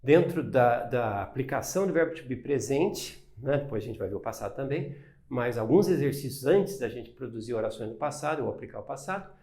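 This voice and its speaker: A man's voice: mid-range voice, animated, a little fast, a little mellow. A man with a Brazilian Portuguese accent teaching an English lesson, explaining patiently and often checking understanding with short tag questions.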